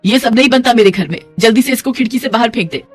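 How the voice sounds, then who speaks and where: A woman's voice: on the high side, fast, slightly rough. Cartoon mother-in-law, voiced by a woman, exasperated, scolding, dramatic, faint background music. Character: fussy traditional middle-aged mother-in-law.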